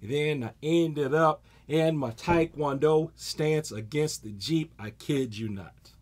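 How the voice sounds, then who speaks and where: A man's voice: a little high, slow pace. A man in his forties, a martial arts instructor, giving a casual self-defense talk and acting out stories with energy. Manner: animated storyteller, acts out scenes.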